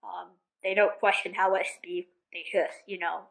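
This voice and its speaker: A woman's voice: lowish voice, flat delivery, moderate pace, creaky, fairly bright tone, low-quality recording. A woman in her twenties with a lisp, chatting casually as she reacts to a video and speaks frankly about it. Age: 20s. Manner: frank, mildly critical, chatty with fillers. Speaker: YouTuber.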